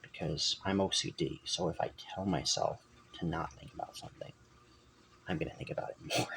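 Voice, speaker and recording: Low gravelly man rambling to camera. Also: fairly even intonation, brisk, fairly bright tone, a little hiss or hum, poor audio. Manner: rambling, self-correcting, digressive. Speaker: vlogger. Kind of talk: rambling personal vlog monologue. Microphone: camera mic.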